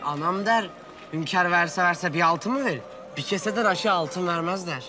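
A young male actor as an honest, timid street-seller boy in a period drama. His voice is high and youthful, with music clearly behind it. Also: normal speed, close to an everyday voice. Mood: shy, earnest. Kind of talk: Ottoman period drama acting.

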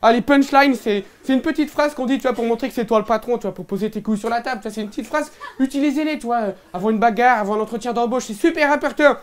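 A man's voice: very high voice, fast, hardly any pauses. A man with a Northern French ch'ti accent playing a boorish young lout in a one-man stand-up show, rambling and slangy with lots of fillers. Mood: brash boastful. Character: boorish young ch'ti man, brash, absurd, loud-mouthed. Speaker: stand-up comedian in character.

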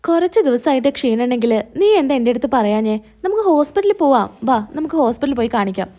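A woman's voice: high voice, very animated, fast, mellow. A woman voicing a protective young husband who speaks in an insistent, reassuring way in a retold serial story. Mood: concerned.

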